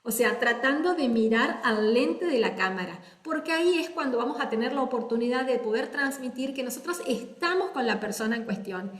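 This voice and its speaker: A woman's voice: sits high, animated, fairly quick, few pauses. A woman teaching public speaking in a webinar, explaining step by step over a video call. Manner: explains step by step, models her own intonation. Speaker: speech coach. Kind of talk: webinar lecture. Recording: echoey room.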